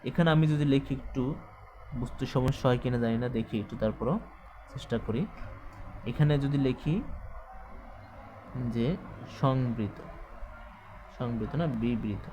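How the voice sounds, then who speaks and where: A man's voice: medium pitch, unhurried, pauses often, noisy background. A male teacher giving an exam-prep grammar lecture, explaining step by step, repeating points and quizzing his listeners with questions.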